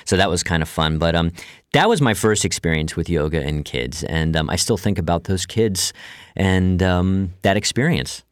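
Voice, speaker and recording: A man's voice: sits low, animated, normal speed, smooth, dry recording, clean studio sound. A man co-hosting a podcast, talking playfully with jokes and plenty of ums. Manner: playful, jokey, many ums. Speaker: podcast co-host. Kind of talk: casual podcast chat.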